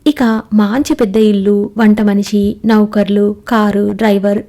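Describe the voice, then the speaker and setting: A woman's voice: mid-range voice, fairly even intonation, a little slow, warm tone, close to an everyday voice. Krishna, a woman reading a playful young doctor. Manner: playful, apologetic.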